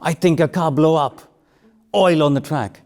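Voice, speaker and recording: A man's voice: on the high side, a little slow, a little mellow, soft background music. A man, a game show contestant, telling a short story animatedly in broken English.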